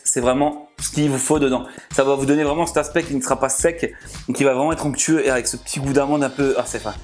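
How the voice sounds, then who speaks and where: A man with a fairly high voice for a man hosts a home cooking video. He chats and jokes his way through it, laughs often, and talks to viewers as if they were sitting in front of him. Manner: chatty and jokey, often laughing, addresses viewers directly. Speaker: cooking channel host. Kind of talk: casual cooking vlog talk.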